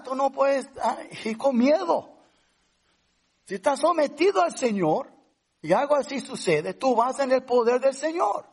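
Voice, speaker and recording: A man's voice: high-pitched, breathy edge. A man preaching a conversational sermon as pastor, rising to emphatic points now and then.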